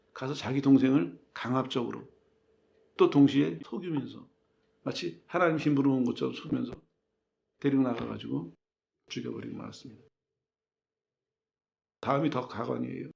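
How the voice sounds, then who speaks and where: A man's voice: mid-range voice, creaky, darkish tone. A man preaching a sermon as pastor, explaining scripture plainly and putting rhetorical questions to the congregation.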